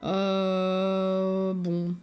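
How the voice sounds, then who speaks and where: A woman's voice: mid-range voice, completely flat delivery, very slow, a little mellow, clear, resonant tone. Lisping, tired woman streamer from a game stream. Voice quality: lisp with slushy, zozotant s sounds. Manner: colloquial, thinking aloud. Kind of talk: casual live game stream commentary. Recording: voice over background music. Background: music.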